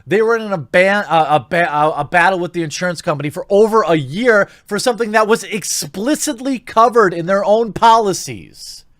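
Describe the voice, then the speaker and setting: Animated, indignant American man ranting, higher-pitched voice. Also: normal speed, few pauses, no room sound, clean studio sound. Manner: emphatic, indignant, repeats phrases for effect. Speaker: online video host and commentator. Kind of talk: ranting commentary, reading out statements.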